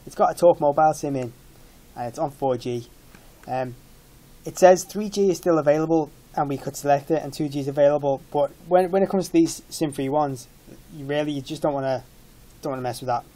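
In a casual tech product demo, a man in his thirties explains features plainly and matter-of-factly. He speaks a little fast, with a slightly high voice and a dark tone.

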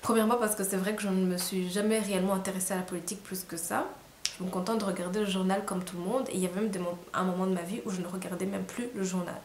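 A young Rwandan woman vlogs to camera at night from a small indoor room, sounding tired and hesitant. Her mid-range voice is fairly even but very fast, and her reflective monologue is full of fillers and restarts. The audio has a roomy echo and faint hiss.

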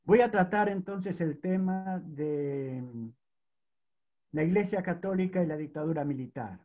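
A man's voice: high-pitched, a little slow. Man lecturing on a glitchy video call. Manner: formal, methodical, restates himself as he goes. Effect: choppy audio cutting out over a video call. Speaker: conference panelist. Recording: dull, lo-fi video call audio.

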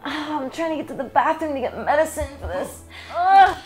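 A bewildered, exasperated young woman in a comic drama. Her high voice is anxious and pleading, with music behind it. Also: animated, fairly quick, a little mellow. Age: young adult. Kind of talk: comedic web-series acting.

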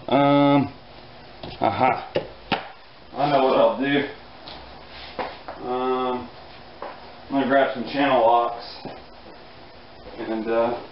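A man casually explaining a small engine repair in his home garage, relaxed and dryly joking, with plenty of fillers as he works. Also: medium pitch, lo-fi sound, noisy background. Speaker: repair instructor. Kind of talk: casual hands-on repair tutorial.

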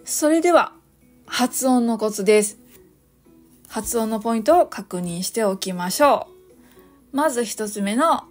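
A woman hosting a solo podcast lesson on English phrases. She explains cheerfully and slowly models each phrase in English. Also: on the high side, lively intonation. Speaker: English teacher, podcast host. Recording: light background music.

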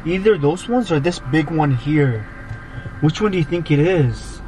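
A young man hosting a vlog in casual, excitable, slangy talk, repeating his catchphrases to the camera. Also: a little high, unhurried, slight background noise, low-quality recording. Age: young adult. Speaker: vlog host. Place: inside a car at night and outdoors by it. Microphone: handheld camera at arm's length. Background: background music.

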